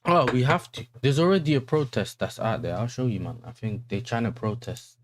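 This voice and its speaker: A man's voice: mid-range voice, big pitch swings, brisk, a little hiss or hum. A man with an urban London roadman accent, hosting a casual football livestream in slangy talk full of tag questions. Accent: London, urban street style.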